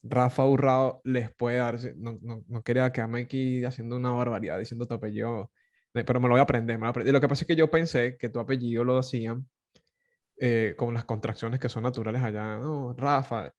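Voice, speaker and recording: A man from Venezuela with a Caracas Venezuelan Spanish accent, hosting a podcast in casual conversation, animated and laughing often, with many fillers and restarts. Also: mid-range voice, fairly quick. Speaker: podcast host.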